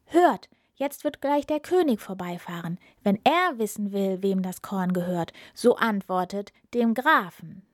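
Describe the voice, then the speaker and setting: A woman's voice: mid-range voice, lively intonation, a little slow, hardly any pauses, no room sound, clean studio sound, natural voice. Woman doing a cunning talking cat. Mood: commanding. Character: clever flattering male talking cat.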